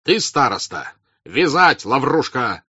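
A man voicing a furious young noble officer who shouts commands. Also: mid-range voice, big pitch swings, slow pace, breathy edge, voice pushed up, heavily acted. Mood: furious commanding. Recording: dull lo-fi dry audiobook recording.

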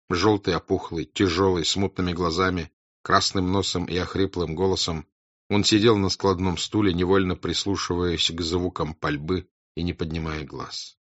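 A man with a very low voice reads literary prose in a slow, grave, deliberate way. The recording is close and dry, with no room sound. The sound is a little dull and lo-fi. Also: no room sound. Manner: measured, grave, deliberate reading. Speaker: audiobook narrator. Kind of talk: scripted literary narration.

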